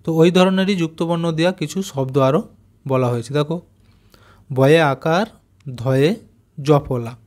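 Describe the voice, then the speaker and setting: A man teaching young children a reading lesson, patiently spelling out joined letters and saying each word slowly. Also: fairly high pitch, a little mellow. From West Bengal, India. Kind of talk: primary school reading lesson.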